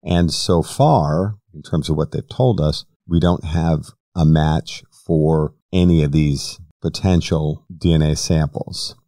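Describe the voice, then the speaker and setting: A man's voice: extremely low pitch, takes it slowly, hardly any pauses, warm tone, no room sound, studio quality. A man hosting a podcast, asking questions and giving long, careful explanations in casual interview talk. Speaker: podcast host.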